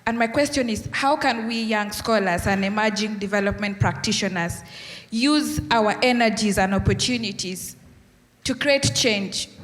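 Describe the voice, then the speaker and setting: A woman's voice: mid-range voice, slight background noise. A young woman from Uganda, a graduate student, asks a formal, earnest question into a handheld mic in a lecture hall. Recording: long hall reverb.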